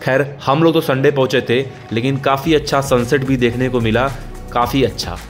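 A man's voice: mid-range voice, fairly even intonation, a little fast, over music. A young man giving an informal voice-over narration for a vlog, telling the history of a fort and speaking to viewers as friends. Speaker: vlogger narrating.

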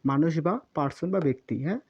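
Guy teaching kanji, kinda high but mellow voice, repeats everything, dull lo-fi audio. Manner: repeats words slowly, spells out syllables, often says sorry. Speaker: Japanese teacher. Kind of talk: kanji lesson while writing on a board. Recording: dull lo-fi sound.

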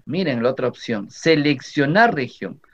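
A man with a Peruvian Spanish accent, teaching a software tutorial for teachers step by step and often checking that his listeners are following. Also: medium pitch, animated, moderate pace. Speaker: teacher training instructor. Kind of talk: screen-recording software tutorial. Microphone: computer microphone. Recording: slightly dull lo-fi audio.

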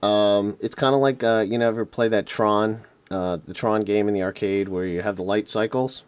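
In a casual unboxing vlog, a man who collects retro games chats enthusiastically and meanders, leaning heavily on ums and uhs. He has a lowish, hoarsening voice and clears his throat at times, speaking at a moderate pace with fairly even intonation. He's recorded indoors on an off-screen camera mic, hands busy on a table.

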